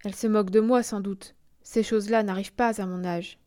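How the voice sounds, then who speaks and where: A woman reading a storybook lends her voice to a timid old schoolmaster with a soft heart. He frets aloud, flaring into exclamations, then settles into a hushed, wistful tone. Her own mid-pitched voice stays close underneath. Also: fairly even intonation, brisk, close to an everyday voice.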